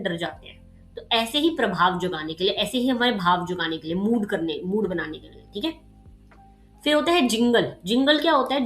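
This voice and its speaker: In an echoey room, a woman tutor with a fairly high, slightly sharp voice gives a casual lecture for exam prep. She uses everyday examples to explain and keeps checking in with "ठीक है" and "okay".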